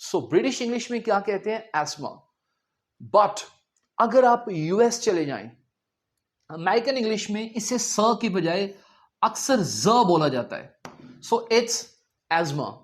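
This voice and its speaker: Slow, drilling pronunciation teacher, a man. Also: sits high, big pitch swings. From India. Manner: drills words slowly, repeating them and quizzing the listener. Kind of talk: spoken language lesson.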